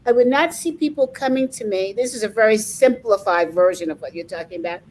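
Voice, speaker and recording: A middle-aged woman hosts a conversational interview for a coaching association, speaking emphatically, sharing personal anecdotes and often repeating words as she begins. Her mid-range voice is brisk and a little mellow, and the audio quality is poor.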